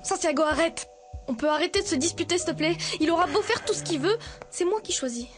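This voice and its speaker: A young heroine in a dubbed telenovela, emotional and wronged, pleading one moment and hurt the next. Her voice is high. Music plays clearly under her lines. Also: lively intonation, fast.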